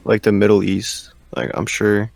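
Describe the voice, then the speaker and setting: A man's voice: fairly low pitch, completely flat delivery, moderate pace, creaky. A man hosting a podcast, asking questions in a laid-back, easygoing way. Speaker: podcast host. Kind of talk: casual interview.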